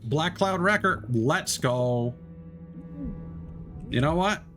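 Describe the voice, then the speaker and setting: A streamer gives casual commentary on his game while playing, with game music in the background. His voice is fairly high, animated and a bit bright, and he talks slowly, rambling, cutting himself off mid-sentence to correct things, and swearing mildly.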